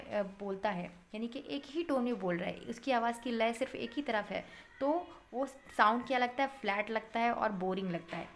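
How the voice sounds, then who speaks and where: A woman teaching a physics class, explaining in Hindi, checking in with her students and reading English textbook lines slowly. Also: a little high, a little hiss or hum. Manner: addresses students as beta, checks with "है ना".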